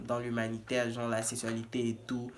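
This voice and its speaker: A man's voice: medium pitch, completely flat delivery, brisk, a little hiss or hum. A man who works as a peer educator in prevention, casually walking viewers through a test kit and often stopping to restart and repeat his words. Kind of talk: casual hands-on product demonstration.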